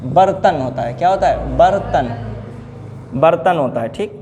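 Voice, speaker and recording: A man with a fairly high voice teaches an exam-prep spelling lesson. He drills each word by saying it over and over and keeps quizzing his students, calling them brother. A faint hiss sits under his voice. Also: lively intonation, a little slow, dark tone. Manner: addresses listeners informally as brother.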